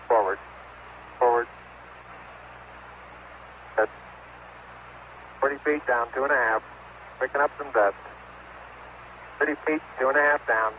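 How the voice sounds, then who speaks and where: A man's voice: medium pitch, unhurried, pauses often. A man in a lunar lander giving clipped, matter-of-fact radio callouts over a space radio link with beeps and static. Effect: space radio transmission with beeps and static. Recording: noisy, dull radio transmission from space.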